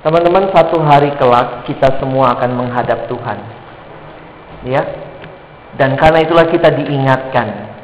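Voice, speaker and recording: A man preaching a sermon in a lively, joking way, acting out quoted voices. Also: medium pitch, normal speed, pauses often, echoey room, long reverb tail, muffled recording, slight background noise.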